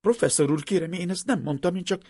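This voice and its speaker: A man's voice: darkish tone, dry recording, clean studio sound. A man voicing a thin young female lab assistant who pleads desperately through sobs. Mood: pleading. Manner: pleading, high and strained. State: sobbing.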